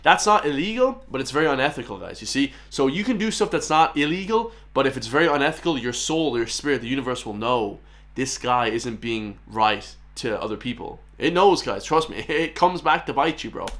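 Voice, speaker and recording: A man's voice: medium pitch, expressive, fairly quick, fairly bright tone. An Irish man hosting a reaction channel, giving emphatic casual commentary and often speaking straight to his viewers. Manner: emphatic, keeps addressing viewers as "guys".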